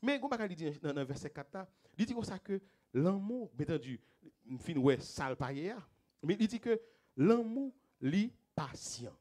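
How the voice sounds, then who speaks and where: Haitian pastor preaching, bold and dramatic. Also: male voice, very animated, normal speed. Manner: preaching with sweeping swings between loud emphatic phrases and quiet low asides; repetitive, asks the congregation rhetorical questions. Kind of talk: sermon.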